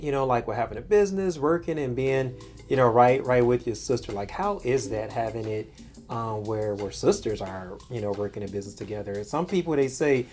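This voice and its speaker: A man's voice: mid-range voice, a little mellow. A man hosting a casual interview in a mid-range voice. He rambles through his questions with restarts and filler phrases, over faint music. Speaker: interviewer, host.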